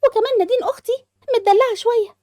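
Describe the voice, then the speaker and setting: A high, fast-talking Egyptian teenage girl frets about family quarrels, as a woman puts her on. She is heard up close in a dry, deadened room, with a quick and bright voice. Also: dry recording. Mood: pleading. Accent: Egyptian Arabic. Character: young girl, chatty and fretful teen niece.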